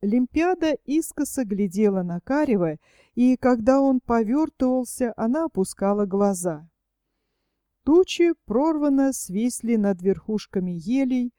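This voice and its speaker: A woman reading a literary story aloud as an audiobook narrator, in a steady storytelling manner. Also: on the high side, clear, resonant tone, no echo, clean studio sound.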